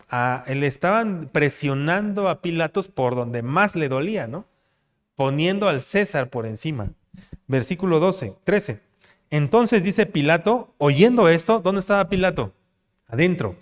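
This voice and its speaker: Pastor preaching in an echoing hall. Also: male voice, on the high side. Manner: asks rhetorical questions, tags lines with "¿no?"; reads scripture aloud slower and louder. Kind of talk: expository sermon.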